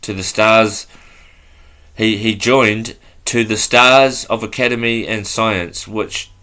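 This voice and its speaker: A man hosting a podcast speaks slowly in a fairly low voice with a bright, forward edge to it. He reads aloud from notes in a halting, offhand way and trips over unfamiliar words. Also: fairly even intonation. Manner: halting, stumbles over words while reading; offhand and loose. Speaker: podcast host. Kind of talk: casual talk, reading aloud from notes.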